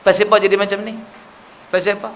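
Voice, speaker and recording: A man preaching a lively, humorous sermon in a mosque, full of rhetorical questions. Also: sits high, fast, a little hiss or hum. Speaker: religious preacher. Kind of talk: animated sermon. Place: mosque prayer hall.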